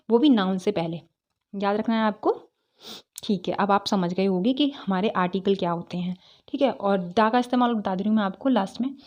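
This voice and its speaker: A woman's voice: mid-range voice, dull audio. A woman teaching English grammar, explaining step by step, asking rhetorical questions and checking in with "theek hai".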